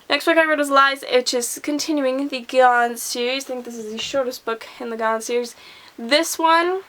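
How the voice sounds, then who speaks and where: A woman's voice: a little high, fairly bright tone. A young woman vlogger giving a casual, rambling book review, full of fillers and restarts. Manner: chatty, rambling, frequent "like" and restarts.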